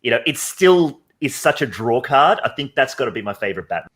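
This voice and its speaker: A man's voice: medium pitch, big pitch swings, a little fast, a bit bright. A man, a guest artist, telling a rambling story in casual chat. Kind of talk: casual chat on a video call.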